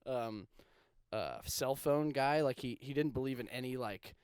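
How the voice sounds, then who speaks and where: A man in his twenties telling stories to friends in a casual chat, animated, laughing and swearing as he goes. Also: medium pitch, unhurried, clean tone, no room sound, clean studio sound. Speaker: podcast co-host, band member. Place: indoor room with friends at a table.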